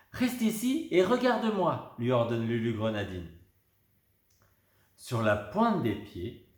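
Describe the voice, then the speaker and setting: A man telling a children's story with a lively, sing-song voice that rises and falls a lot. He reads slowly and carefully, and the room gives it a noticeable echo. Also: mid-range voice. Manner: lively, expressive. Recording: roomy echo.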